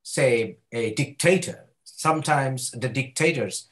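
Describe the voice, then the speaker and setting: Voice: mid-range voice, takes it slowly. A moderator on a panel call, steering the discussion and rephrasing questions for the others.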